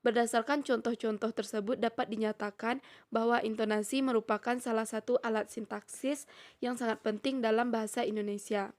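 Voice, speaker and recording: A young woman presents a grammar lesson, reading a prepared text at a steady, measured pace. Her voice sits a little high, and she slows down to spell out each example sentence. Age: young adult. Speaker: student presenter. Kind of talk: reading a prepared lecture on syntax.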